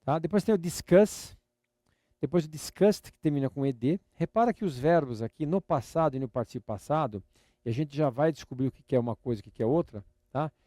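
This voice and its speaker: A man's voice: a little high, animated, a little fast, warm tone, no room sound, studio quality. An older man with a Brazilian Portuguese accent teaching a live online lesson. He drills words patiently through repetition and adds some playful teasing. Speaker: English teacher.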